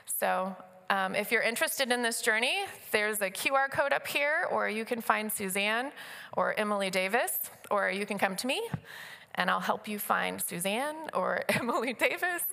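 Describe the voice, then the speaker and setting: A woman's voice: medium pitch, expressive, normal speed, creaky, bright, forceful tone. A woman speaking informally and chattily to a church congregation, giving a personal testimony and appeal. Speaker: church volunteer team speaker. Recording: reverberant large hall.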